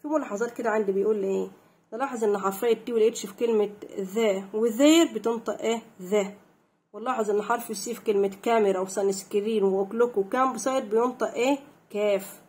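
A young woman with an Egyptian Arabic accent teaching an English lesson, reading each line slowly and then explaining it, and asking questions that she answers herself. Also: medium pitch, steady tone, darkish tone. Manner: reads English lines slowly and clearly, then translates.

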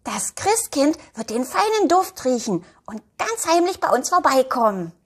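A woman voicing Elfie, an eager little girl dressed as an angel, with high childlike squeals in a storybook reading. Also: big pitch swings, a little slow, exaggerated voice.

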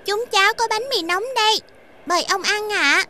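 A sweet, high-pitched young girl. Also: normal speed, slight background noise. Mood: kind. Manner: bright, caring, childlike speech. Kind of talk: cartoon dub acting.

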